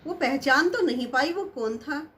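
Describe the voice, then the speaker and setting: A woman's voice: high voice, lively intonation, unhurried, bright, forceful tone, slight background noise. A woman casually telling a story, chatty and musing aloud as she goes.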